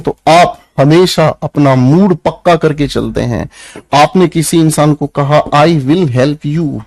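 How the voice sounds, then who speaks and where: A man's voice: fairly high pitch, darkish tone, dry recording. A young Indian man teaching an English grammar class in Hindi, addressing his students as children and quizzing them as he goes. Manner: calls students "beta", asks the class questions, firm and preachy. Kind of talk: online class lecture.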